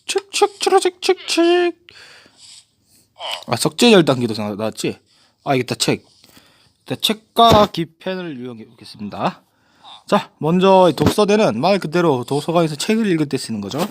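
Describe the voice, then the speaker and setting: A man's voice: fairly high pitch, a little fast. A young man giving casual gameplay commentary, explaining new items and talking to himself as he plays. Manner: lively, talks to himself while playing. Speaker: gaming YouTuber.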